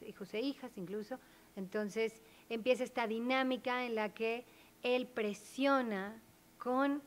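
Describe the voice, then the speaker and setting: A woman with a fairly high-pitched voice speaks on an academic panel. She explains her points earnestly and stresses them with emphasis.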